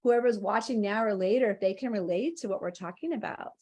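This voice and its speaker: Guesting on a live spiritual interview as an angel mentor, a woman talks fairly quickly in a medium-pitched, dark voice. Her phrases run long and flowing, earnest and heartfelt.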